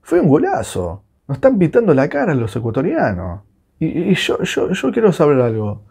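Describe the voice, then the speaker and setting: A Uruguayan man with a Rioplatense accent, reacting live to a football match with excitable, swearing rants. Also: a little high, normal speed, gravelly, breathy edge. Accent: Rioplatense Spanish. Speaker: football fan reacting on his channel.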